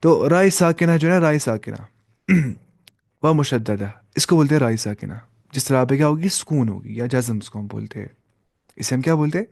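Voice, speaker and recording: A man's voice: mid-range voice, expressive, moderate pace, vocal fry, darkish tone, dry recording, clean studio sound. A man teaching Quran reading in a class. He puts questions to the class, answers them himself, and repeats and stretches out sounds to demonstrate them. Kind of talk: classroom lesson.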